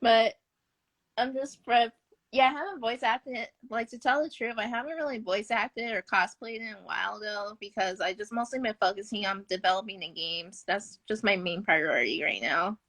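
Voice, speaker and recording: A woman's voice: medium pitch, normal speed, a bit bright, no room sound. A young adult woman chatting casually on a live stream as a guest, upbeat and rambling and laughing often. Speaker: podcast guest, game developer.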